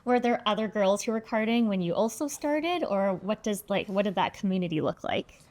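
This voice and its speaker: A woman's voice: medium pitch, animated, fairly quick, a little mellow. A woman hosting a casual interview, asking friendly questions and paying compliments. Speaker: interview host. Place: clothing store.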